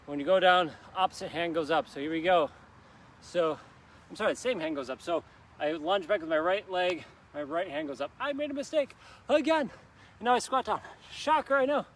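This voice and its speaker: A fitness instructor leads a live workout in an outdoor park, doing the moves himself while coaching in an upbeat, encouraging way and joking about his own slip-ups. His voice sits high, brisk and a bit bright, with a little hiss or hum in the recording.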